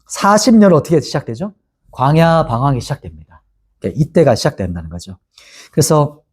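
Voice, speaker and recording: A man's voice: fairly high pitch, darkish tone, slightly rough. A male pastor giving a Bible lecture, asking his class questions and answering them himself. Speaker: pastor teaching a Bible course.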